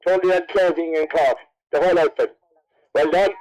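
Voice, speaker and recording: Here the Irish MC from Cavan, hosting a best dressed competition at a race meeting, keeps up his playful banter while announcing and interviewing on the PA. The pitch is fairly high, the intonation fairly even, the pace fairly quick and the tone a little mellow. Audio is poor.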